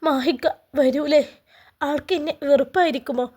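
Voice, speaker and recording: A woman's voice: high voice, steady tone, normal speed, warm tone, close to an everyday voice. Woman voicing a pleading young wife, Malappuram accent. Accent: Malappuram Malayalam. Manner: pleading, tearful. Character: grieving young wife waiting for husband.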